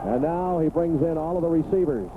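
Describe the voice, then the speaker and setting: Heard over tinny 1980s radio with plain background noise, a high-voiced American man delivers fairly quick football play-by-play. Brief, clipped phrases build up into excited calls.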